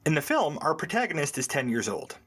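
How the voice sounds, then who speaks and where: A man's voice: a little high, sing-song, a little fast, fairly bright tone, breathy edge. A man co-hosting a film podcast, reading a written plot recap in a dry, wry way. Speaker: podcast co-host summarizing a film. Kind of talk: scripted plot recap in casual podcast talk.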